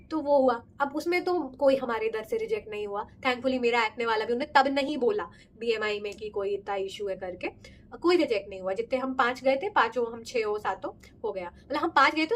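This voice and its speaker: A young woman from India tells her story to the camera in a chatty, expressive way, slipping English phrases into her talk. Her throat is sore, and her voice sits a bit high. A faint hiss of noise runs underneath. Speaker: vlogger. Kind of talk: casual storytelling vlog.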